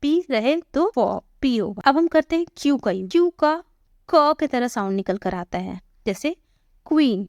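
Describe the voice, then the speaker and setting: A woman teaching an English pronunciation lesson, patiently repeating example words slowly and asking her viewers questions. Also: a little high, animated, dry recording, clean studio sound.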